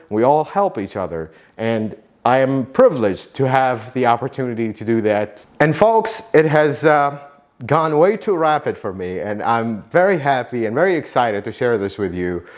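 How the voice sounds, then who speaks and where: An earnest car mechanic from Iraq, whose first language is Arabic, addresses his YouTube audience to thank them sincerely. His warmth shows in lively swings of pitch.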